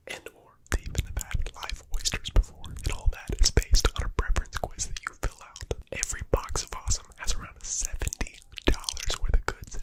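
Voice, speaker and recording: An ASMR creator reading sponsor messages in a breathy, unvoiced whisper, deliberate with playful touches. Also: rough recording.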